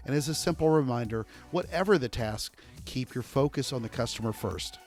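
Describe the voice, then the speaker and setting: A man hosting a business podcast, his voice sitting at an ordinary middle pitch. He quizzes his guest playfully, then shifts into calm advice. A faint music bed runs under his voice. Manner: playful quiz questions, then measured advice. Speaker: podcast host. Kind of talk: casual interview and scripted recap.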